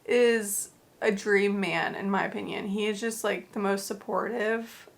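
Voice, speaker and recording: A woman with an ordinary mid-range voice talks casually about a novel to her viewers. She rambles quickly and scatters filler words as she goes. She gushes about parts she loved and speaks candidly about parts she disliked. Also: medium pitch, fairly even intonation, gravelly. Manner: chatty, rambling, gushing. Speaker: book reviewer. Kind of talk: casual book review chat.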